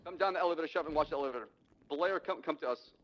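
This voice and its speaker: Male squad leader, higher-pitched and very quick, urgent and insistent tactical orders. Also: lo-fi sound. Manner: commanding, repetitive, insistent. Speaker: team leader in an online game. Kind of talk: urgent tactical voice-chat callouts.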